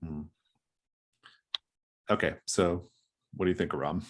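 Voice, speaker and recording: A man running a tabletop role-playing game as game master, halting and thinking aloud as he narrates. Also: low voice, steady tone.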